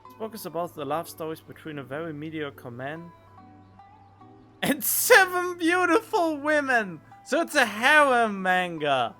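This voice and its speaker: A man streaming a game reads its text aloud and reacts casually. His high-pitched voice swoops wildly, sounding pushed and bright while keeping a measured pace. He's recorded close on a studio condenser mic, with game music playing behind.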